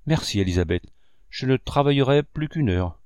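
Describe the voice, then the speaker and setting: A man's voice: mid-range voice, lively intonation, moderate pace, darkish tone, smooth, no room sound, studio quality, lightly acted. Ondine, a man reading as a distraught young woman. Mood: weary.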